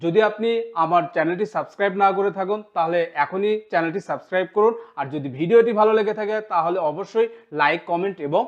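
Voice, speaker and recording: A man teaching English pronunciation in a video lesson, speaking slowly and demonstrating sounds again and again for practice. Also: high voice. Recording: dull lo-fi sound.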